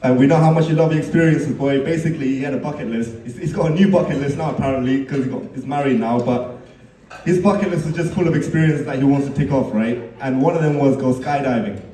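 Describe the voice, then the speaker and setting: A man's voice: mid-range voice, fast talker, dark tone, slight background noise. A man giving a teasing best man's speech at a wedding, laughing at his own stories. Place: wedding reception hall. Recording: echoey hall, mic at a distance.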